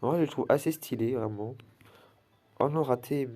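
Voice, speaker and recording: A man's voice: mid-range voice, moderate pace, warm tone. A teenage boy chatting casually over his gameplay, rambling with many fillers and restarts in a slightly cracking, wavering voice. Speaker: gaming channel host.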